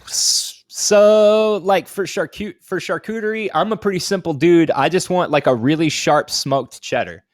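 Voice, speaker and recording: A man with a high-pitched voice co-hosts a podcast, trading casual, comedic banter full of slang and swearing. He talks at a measured pace with few pauses, and the recording is dry and studio quality.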